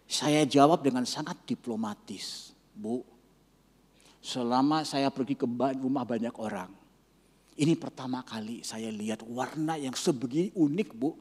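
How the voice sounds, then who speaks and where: A male pastor preaching a sermon, telling a story and swinging between loud exclaiming and hushed near-whispers. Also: medium pitch, husky. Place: church sanctuary. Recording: church hall reverb.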